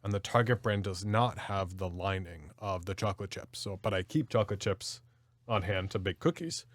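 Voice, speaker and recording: A man's voice: sits low, normal speed, dry recording. A man co-hosting a podcast, chatting casually and describing things with enthusiasm. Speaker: podcast co-host. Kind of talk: casual chat.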